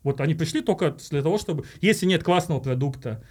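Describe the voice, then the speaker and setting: A man from Uzbekistan with a fairly high speaking voice, chatting as a podcast guest. He explains things at length in a relaxed interview style and keeps addressing the hosts as "guys". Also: fast talker. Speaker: marketing director, podcast guest. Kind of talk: casual interview talk.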